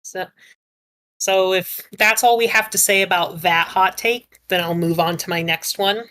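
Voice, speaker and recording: Woman, slightly low voice, earnest and wordy podcast panelist. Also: unhurried, fairly bright tone. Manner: earnest, explains at length with many "like"s. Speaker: podcast panelist and ASMR script writer. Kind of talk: casual podcast chat.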